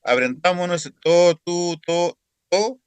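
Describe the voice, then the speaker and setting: A man's voice: sits high, slow pace, clear, resonant tone. A man teaching a Greek grammar class, patiently repeating word forms for students to echo. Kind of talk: classroom lecture.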